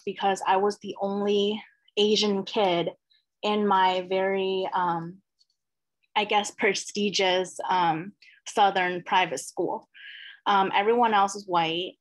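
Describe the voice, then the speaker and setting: A woman's voice: medium pitch, rough recording. A young woman from China, a panel guest, earnestly telling her own story with filler words.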